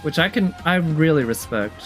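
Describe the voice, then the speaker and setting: A casual reviewer reacts to game trailers, musing conversationally as though thinking out loud, with trailer music in the background. The voice is medium in pitch with lively intonation at a moderate pace.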